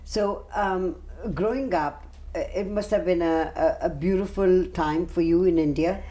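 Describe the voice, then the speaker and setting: A woman hosts an interview show in a very low, dark, mellow voice. She asks her guest questions and backs her up throughout with short, encouraging acknowledgements. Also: normal speed. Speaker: talk show host. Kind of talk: interview hosting.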